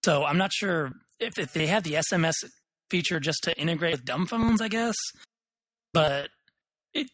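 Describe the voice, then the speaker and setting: A young man with a fairly high voice gives blunt opinions on a tech podcast. He thinks out loud and restarts his sentences as he goes. The sound is dry and close to the mic. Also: moderate pace, dry recording, rough recording. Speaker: podcast co-host. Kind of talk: casual tech podcast chat.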